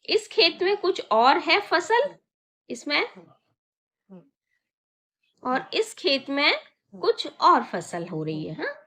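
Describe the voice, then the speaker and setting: A woman with a high, bright voice takes young pupils through a reading lesson at a slow, unhurried pace. She coaxes them along, stretching words out and checking with questions as she goes. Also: big pitch swings. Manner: coaxing, repeats words slowly and asks questions. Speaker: primary school Hindi teacher.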